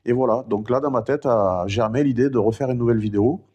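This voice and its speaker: A middle-aged man talking casually in a vlog, rambling and chatty with many fillers; one vocal cord is impaired, so he has no high head voice. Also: quick pace, darkish tone, lo-fi sound. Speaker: vlogger recounting his cancer.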